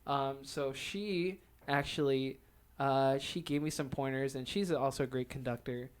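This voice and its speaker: This young podcast co-host talks in a relaxed, unhurried way at medium pitch, sharing stories from his life and laughing often as he speaks. A faint hiss or hum sits under the recording.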